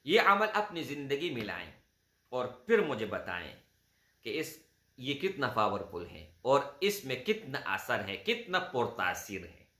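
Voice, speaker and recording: A man serving as a spiritual guide, giving slow, step-by-step religious instruction and addressing his listeners as brothers. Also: mid-range voice, sing-song, bright, forceful tone. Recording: roomy echo.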